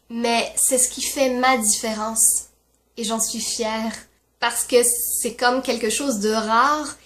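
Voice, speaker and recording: A French woman in her twenties, with an accent that mixes French and Québécois, talking candidly to the camera in a casual vlog with hesitant fillers. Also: fairly high pitch. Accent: mixed French and Québécois. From France. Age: 20s. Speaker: YouTuber.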